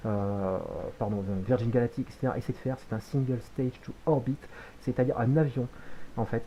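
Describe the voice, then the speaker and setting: A man hosting a relaxed game tutorial, chatty, with frequent hesitations and quick self-corrections. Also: medium pitch, lo-fi sound, slight background noise. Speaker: gaming video host.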